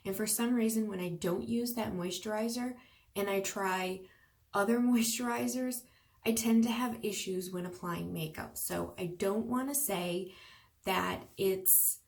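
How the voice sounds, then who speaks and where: A woman's voice: medium pitch, measured pace, gravelly, darkish tone. A young woman beauty vlogger in a casual product review, chatty and full of fillers, musing aloud to herself.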